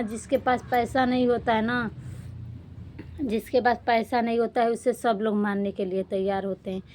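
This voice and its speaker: एक युवा महिला व्लॉगर, जो बार-बार अपनी बात दोहराते हुए दुखी और गुहार भरे लहजे में अपनी निजी परेशानियाँ सुनाती है।. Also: female voice, fairly high pitch, a little mellow. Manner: distressed, pleading, repetitive; defiant outburst. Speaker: vlogger. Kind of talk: emotional personal vlog.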